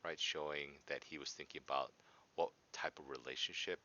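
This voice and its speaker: A man's voice: extremely low pitch, fairly even intonation, fairly quick, pushed and bright. A man teaching in an informal walkthrough style, explaining hesitantly and often checking in with a tag question. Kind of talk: informal lesson walkthrough of a reading passage. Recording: dull, lo-fi sound.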